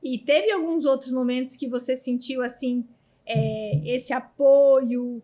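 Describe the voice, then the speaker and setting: A woman host asking an interview question in a hesitant, halting way. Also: sits high, steady tone, mellow.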